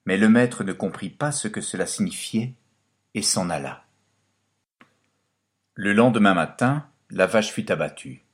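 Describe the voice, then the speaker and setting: Deep-voiced man narrating a fairy tale. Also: unhurried, pauses often. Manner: expressive storytelling, lively and dramatic.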